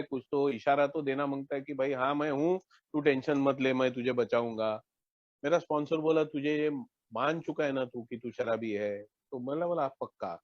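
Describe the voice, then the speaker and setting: A man's voice: mid-range voice, no echo. Indian man, mumbai hindi accent, personal testimony, muffled dry online call. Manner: conversational, acts out both sides of phone talks. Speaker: AA member sharing recovery story. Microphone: online call mic.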